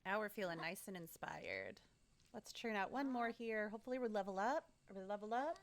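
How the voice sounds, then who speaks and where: A woman's voice: medium pitch, big pitch swings, a little fast, faint music behind. A young woman casually narrating her gameplay, bubbly, chatty and easily delighted. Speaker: let's play host.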